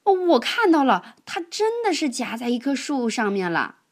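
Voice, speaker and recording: Storybook herd elephant, gullible, shrill and excitable; a woman does the voice. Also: moderate pace, full character voice. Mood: excited.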